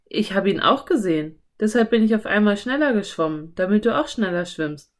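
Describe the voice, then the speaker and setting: A woman's voice: mid-range voice, animated, fairly quick, natural voice. Woman voicing an earnest, bookish young boy.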